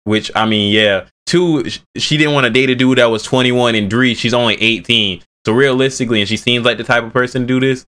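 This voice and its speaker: Slangy young man reacting, bright voice. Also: medium pitch, fairly quick, few pauses. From Bay Area. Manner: slangy, rambling, joking. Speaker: streamer reacting to a video. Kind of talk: casual reaction commentary. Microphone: headset.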